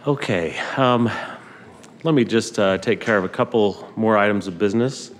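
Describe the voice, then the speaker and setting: A middle-aged American man with a gravelly, hoarse voice, giving church announcements as bishop in a measured, courteous, formal way. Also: fairly low pitch, slight background noise. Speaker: bishop conducting a church service. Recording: long hall reverb.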